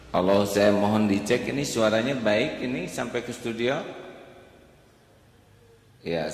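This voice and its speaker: Middle-aged male preacher, slow and deliberate, lowish voice, echoey hall sound. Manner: slow, unhurried sermon cadence with sung Quranic recitation. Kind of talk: sermon. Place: large hall with a congregation.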